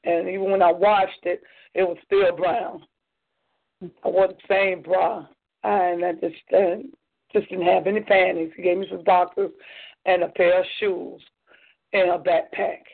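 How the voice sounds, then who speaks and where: Woman telling her story over a tinny phone line, high and gravelly, keeps repeating herself. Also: flat delivery, measured pace. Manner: earnest, repeats phrases, frequent ums. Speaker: guest sharing her testimony. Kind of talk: personal testimony on a call-in show.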